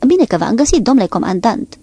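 A woman's voice: fairly high pitch, big pitch swings, warm tone, breathy edge, heavily acted. Loyal sailor servant, read by a woman. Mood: eager. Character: loyal, plain-spoken male sailor servant.

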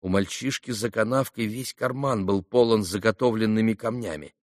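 A man narrating a classic novel in an even, measured audiobook reading. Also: on the low side, no room sound, studio quality.

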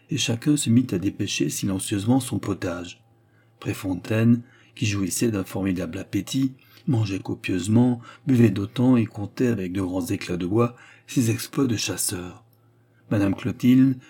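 A man narrates a novel as an audiobook, his storytelling measured and even. His voice is on the low side and husky.

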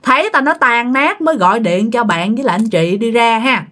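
Lively southern Vietnamese woman storyteller. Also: on the high side, a little fast. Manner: animated, addresses listeners directly. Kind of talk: ghost story narration.

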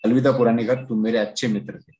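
A man voicing a steady, kindly old oak tree in a storybook, calm and encouraging. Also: medium pitch, fast talker, lightly acted.

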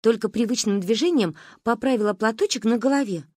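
A woman reading a children's story aloud in a lively, expressive way. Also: on the high side, a little fast, no echo, clean studio sound. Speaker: audiobook reader. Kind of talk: storybook narration.

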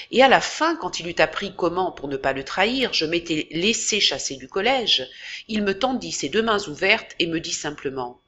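A woman's voice: on the low side, a bit bright, slightly rough. A woman narrating a classic novel as an audiobook, with dramatic, varied emphasis, in a dull lo-fi recording. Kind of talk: expressive literary reading.

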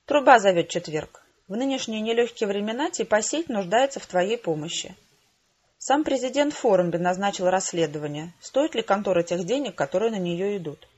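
Breezy and theatrical, this fussing PR lady talks down to her friend in a chummy way, as a woman reading aloud puts her on. Her voice has a husky, breathy edge. It comes through a slightly dull, muffled home recording. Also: medium pitch, animated, a little fast, darkish tone. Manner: breezy, fussing, playfully condescending. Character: brisk chummy female PR agent, theatrical.

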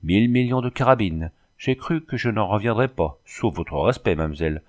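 A man's voice: on the low side, animated, brisk, darkish tone, close to an everyday voice. A man reading an audiobook, voicing a talkative former cavalryman who is exclamatory and endlessly apologetic. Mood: excited. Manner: chatty, overly polite, exclamatory. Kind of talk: audiobook character voice.

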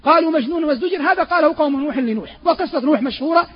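A man's voice: very high-pitched, very fast, highs cut off. A male preacher teaching Quran commentary. He asks his listeners questions and answers them himself, and he chants the verses as he quotes them. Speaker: Islamic preacher.

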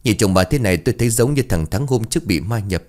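A gossipy older fruit seller who knows every rumor in the village, as a low-voiced male narrator reads her. The tone stays deep and relaxed, like a spoken storybook. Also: fast, close to an everyday voice. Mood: chatty. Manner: chatty, knowing.

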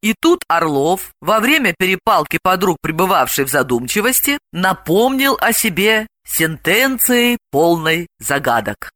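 A woman reads an audiobook in a lively, expressive way. Her voice is bright and somewhat high, and her pitch moves widely. The recording is dry and close. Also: measured pace, no room sound. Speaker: audiobook narrator.

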